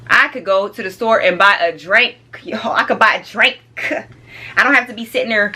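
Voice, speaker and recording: A young woman of twenty-one chatting excitedly and casually as she does her makeup for a vlog, full of slang. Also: on the high side. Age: young adult. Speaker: beauty vlogger. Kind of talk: casual get-ready-with-me chat. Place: home studio room.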